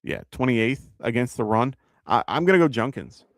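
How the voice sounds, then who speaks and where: A man's voice: medium pitch, sing-song, moderate pace, dry recording, clean studio sound. A man with a New York accent hosting a live fantasy football show, talking casually and thinking aloud with lots of fillers as he answers viewer questions.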